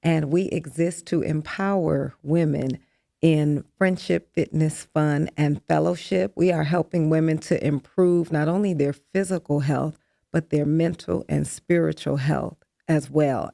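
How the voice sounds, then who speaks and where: A woman in her fifties, an interview guest, speaking in a calm, measured way. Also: low-pitched, gravelly, no echo, clean studio sound. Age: 50s. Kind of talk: candid interview chat.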